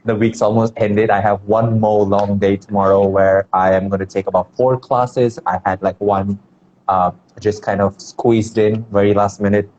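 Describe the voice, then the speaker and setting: A man from India, a dance teacher, speaking on a video call in a relaxed, rambling way full of "like"s. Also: on the low side, moderate pace. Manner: relaxed, rambling, many fillers like "like". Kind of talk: casual video-call conversation. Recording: dull lo-fi video call audio with faint background noise.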